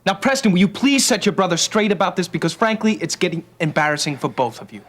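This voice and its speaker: Give me a smug, sneering young rival in a soap opera. He talks fast, in a fairly high voice, with sarcasm in every line. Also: expressive, fairly bright tone.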